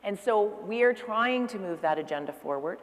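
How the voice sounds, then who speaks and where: A woman's voice: mid-range voice, expressive, moderate pace. Woman, conference speaker, earnest and persuasive, long hall echo. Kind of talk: conference talk. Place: lecture hall. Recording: reverberant hall.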